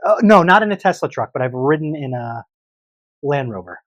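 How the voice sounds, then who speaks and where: An opinionated man voicing his complaints in a relaxed podcast chat. His voice is somewhat high for a man and he laughs easily. He is recorded close and dry, with no room echo. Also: fairly quick. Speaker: podcast co-host. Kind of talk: casual chat.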